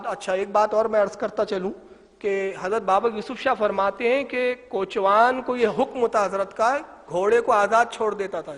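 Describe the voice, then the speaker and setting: Guy preaching, high voice, tells stories and gets louder and fervent, lots of hall echo. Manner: emphatic storytelling, surging to loud fervent peaks. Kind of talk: Urdu sermon narrating a saint's miracles. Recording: long hall reverb.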